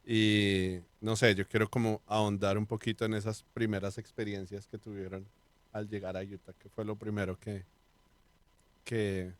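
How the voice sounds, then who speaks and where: A man steers a casual podcast conversation, joking and easygoing. His voice is smooth and resonant, and it is recorded dry and close to the mic. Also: fairly low pitch, level tone, moderate pace, dry recording. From Colombia (Bogotá). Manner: leads the talk, joking and easygoing. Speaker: podcast co-host.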